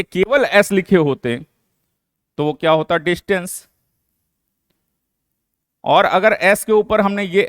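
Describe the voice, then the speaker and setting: Smooth-voiced man teaching physics. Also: a little high, fairly bright tone, dry recording, studio quality. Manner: explains step by step, asks and answers his own questions; mixes English terms into Hindi. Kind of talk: classroom lecture.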